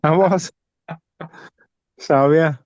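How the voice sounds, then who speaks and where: A man's voice: a little high, extremely slow, darkish tone, no room sound. A man chatting bluntly about boxing on a video call, with casual banter. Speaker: guest boxing commentator. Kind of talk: casual panel chat. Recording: dull dry lo-fi mic.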